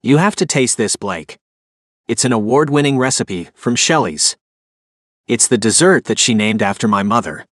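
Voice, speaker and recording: A man's voice: mid-range voice, animated, moderate pace, dry recording, clean studio sound, lightly acted. A man voicing a friendly young woman friend in an audiobook, speaking in a light, encouraging way.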